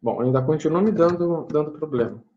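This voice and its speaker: A man's voice: a little high, a little fast, warm tone. Brazilian male lecturer teaching remotely, step-by-step and thinking aloud, with dull lo-fi mic sound. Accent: Brazilian Portuguese. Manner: explains step by step, thinking aloud, often checks in with listeners. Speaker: university lecturer. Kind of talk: online lecture with screen sharing.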